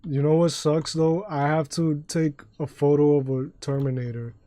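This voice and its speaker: A man's voice: a little high, steady tone, moderate pace, warm tone, no room sound. Rambling, cursing male game streamer. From New York. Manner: profane, rambling, jokey storytelling. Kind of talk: casual live-stream chat while gaming.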